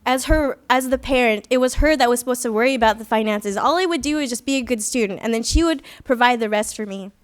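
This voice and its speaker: Talking fast with few pauses, the young student activist from the Philippines shares her testimony at a conference, her voice a little high. She reflects earnestly on her story while poking gentle fun at herself, in a conference hall.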